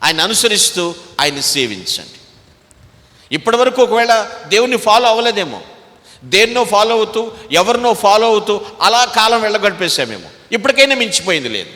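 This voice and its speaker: Emphatic Telugu pastor preaching in a hall. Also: male voice, very animated, moderate pace. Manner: emphatic preaching, swinging between loud exhortation and low asides. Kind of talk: sermon.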